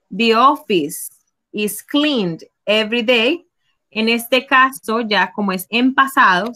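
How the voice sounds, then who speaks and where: Slow, patient woman teaching a class. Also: fairly high pitch, sharp tone. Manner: patient, explains step by step and prompts students. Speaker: English teacher. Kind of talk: online class explanation.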